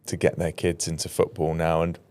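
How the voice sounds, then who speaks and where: A man hosting a podcast, asking curious, thoughtful questions and giving soft affirmations. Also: low-pitched, monotone, a little fast. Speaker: podcast host. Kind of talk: interview questions.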